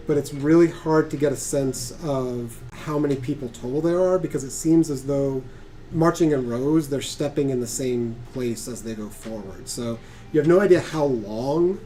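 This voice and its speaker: A man's voice: medium pitch, mellow, slight background noise. A man narrating as game master of a tabletop game, chatty and laughing often, with many restarts.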